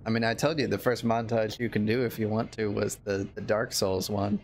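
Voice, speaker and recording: Dude streaming games, joking around, bit of background hiss. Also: male voice, on the low side, flat delivery, brisk, darkish tone. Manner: joking, bantering. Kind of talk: casual gaming stream chat.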